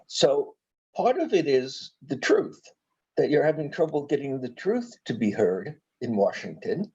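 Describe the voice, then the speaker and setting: A man comes through a choppy online voice chat, his sound dull and lo-fi, with a dark, husky tone. He presses his case with probing questions, his pitch swinging widely. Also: sing-song, a little slow. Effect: dropping online voice-chat audio. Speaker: guest. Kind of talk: casual panel discussion. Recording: dull lo-fi call audio.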